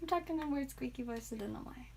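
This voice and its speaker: A woman's voice: fairly high pitch, steady tone, quick pace, gravelly, warm tone, slight background noise. A woman hosting a live card-opening stream, chatting and giggling with viewers, tired and a bit loopy. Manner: chatty, giggly, talks to chat viewers by name. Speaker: livestream card seller and host.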